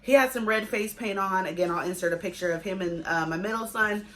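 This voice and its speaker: A woman's voice: mid-range voice, fairly quick. Young woman chatting casually to viewers. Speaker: family vlogger, pregnant mother. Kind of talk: casual chat to viewers, pregnancy update.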